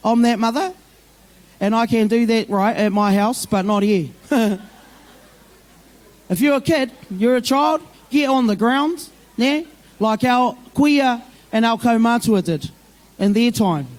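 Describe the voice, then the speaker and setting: Unhurried and slightly high, with a darkish tone, a middle-aged woman with a broad Kiwi accent addresses a community gathering without notes. Her manner is plain and maternal, full of endearments, and she weaves Māori phrases into her English.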